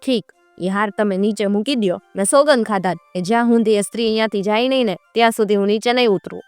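A woman voicing a frightened young goldsmith who pleads and bargains in a hurried, fearful way. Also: medium pitch, smooth, no room sound, faint music behind, natural voice.

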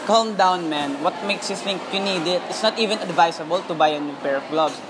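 A man's voice: high-pitched, fairly quick, natural voice. A teenage boy acting as a calculating schoolboy who talks a friend into a trade, in a coaxing manner. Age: teens. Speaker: student bargaining with a friend. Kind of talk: student short film acting. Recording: loud background noise.

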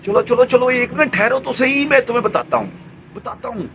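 Lively high-voiced young man vlogging pets. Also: brisk, noisy background. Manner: excited, chatty, coaxing the animals. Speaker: pet vlogger. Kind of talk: casual home pet vlog.

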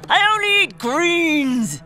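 A woman playing a haughty, tyrannical cartoon magazine boss, imperious and melodramatic, with drawn-out emphasis. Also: high-pitched, big pitch swings, bright, forceful tone, exaggerated voice. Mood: outraged, imperious. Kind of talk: cartoon voice acting.

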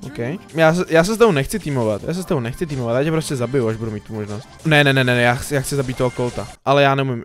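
A man hosting a gaming channel, giving chatty, excitable gameplay commentary that he addresses straight to his viewers. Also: fairly high pitch. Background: faint background music.

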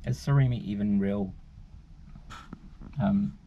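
Low-voiced Kiwi guy vlogging, muffled noisy audio. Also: slow. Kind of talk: casual chat to camera, food taste test. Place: inside a parked car. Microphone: camera at arm's length. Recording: dull, noisy in-car camera audio.

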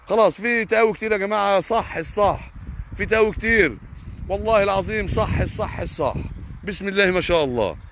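A young Egyptian man speaks fast and high on a live stream, heated and insistent as he answers viewers' comments. He talks like a farmer venting, with oath after oath. Faint background noise sits under his voice. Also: animated, fairly bright tone. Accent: Egyptian Arabic. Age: young adult. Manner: heated, indignant, fast and emphatic with repeated oaths.

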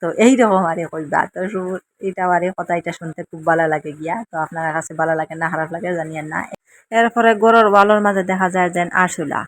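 With a slight hiss or hum in the background, a middle-aged woman from Assam talks fast in a lowish, steady voice and a Sylheti accent. Cooking in her village kitchen for a casual vlog, she explains dialect words in a chatty, homely way, repeating herself for emphasis.

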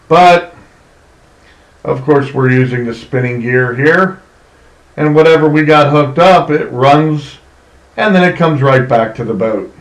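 A middle-aged man narrates his fishing trips at an unhurried, easygoing pace. His voice sits in the middle register and carries a roomy echo around it. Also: mid-range voice. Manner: slow, easygoing storytelling. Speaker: fishing charter captain. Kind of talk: voice-over narration.

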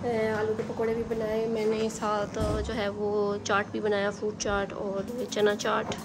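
A woman's voice: mid-range voice, creaky, background noise. A woman in her thirties vlogging casually with a sore throat, talking straight to viewers from home and on a shopping trip, on a handheld phone. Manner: chatty, talks straight to viewers. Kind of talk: casual vlog chat.

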